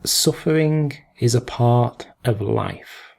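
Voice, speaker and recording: Giving gentle instruction in a guided meditation, a man takes his time, leaving long pauses between short phrases. His voice is mid-range and gravelly.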